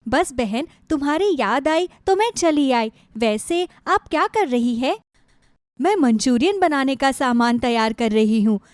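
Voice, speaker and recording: Give me a woman playing a distraught young wife in a storybook, pleading and very high. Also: expressive, a little slow, no echo, studio quality. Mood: eager. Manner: tearful, pleading.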